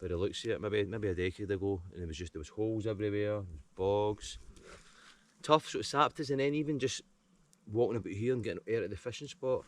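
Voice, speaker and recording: A man's voice: on the low side, a little fast. A Scottish man in a casual outdoor vlog, chatty and laid-back, tired after a hard hike, talking by a campfire. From Scotland. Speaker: outdoor vlogger. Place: outdoors by a campfire on a wooded shore.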